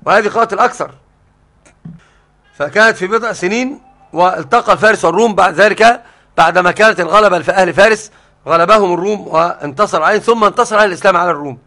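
Fast, high-voiced teacher. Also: male voice, bright, forceful tone. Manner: explains the text step by step. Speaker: Islamic scholar teaching. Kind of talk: scholarly lesson on Quran readings.

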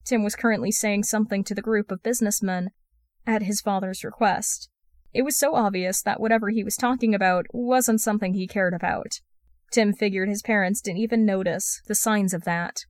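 A woman narrates fan fiction aloud at a mid pitch, keeping a steady storytelling pace. The recording is close and dry, with no room sound behind her. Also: fairly quick, no echo. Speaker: podfic reader.

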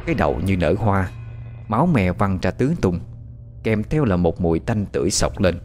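Man narrating a horror story, deep-voiced. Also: normal speed. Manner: dramatic, animated delivery. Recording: faint background music.

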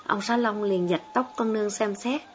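A woman narrating a storybook in a steady, measured way. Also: mid-range voice, a little hiss or hum. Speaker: audiobook reader. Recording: dull lo-fi audio with faint background music.

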